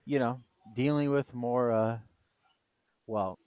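A man's voice: medium pitch, steady tone, slow pace, darkish tone, clear, resonant tone, dry recording, lo-fi sound. A man co-hosting a casual podcast who rambles with many fillers and restarts. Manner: rambling, hesitant, full of fillers. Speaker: podcast co-host.

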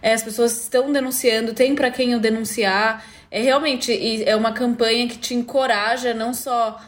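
A woman's voice: a little high, fairly even intonation, moderate pace. A woman hosting a podcast, talking in an earnest, reflective way with many fillers. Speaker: podcast host. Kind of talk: casual podcast conversation.

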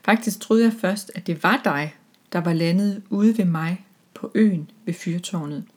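A woman's voice: on the low side, slightly rough. A woman voicing a friendly seal who loves shiny things, in a children's story. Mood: chatty.

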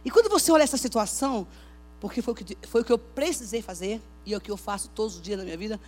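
A woman preaching a Pentecostal sermon at a church service, emphatic, swinging between loud outbursts and hushed talk. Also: mid-range voice, fast, soft background music.

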